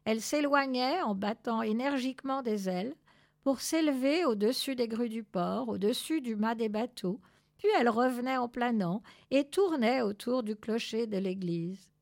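Storyteller, woman, expressive measured read-aloud, slight fry. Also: fairly high pitch. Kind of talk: reading a children's novel aloud.

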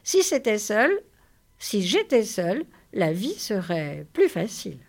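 A woman reading aloud and voicing a weary, protective working man who speaks in a flat, strained way. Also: medium pitch, slow, gravelly, heavily acted.

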